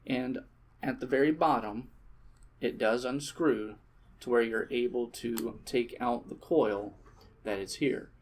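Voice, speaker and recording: A man's voice: mid-range voice, slow pace. Casual man demonstrating vape tanks. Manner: casual, many fillers and self-corrections. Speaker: shop presenter. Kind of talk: product demonstration.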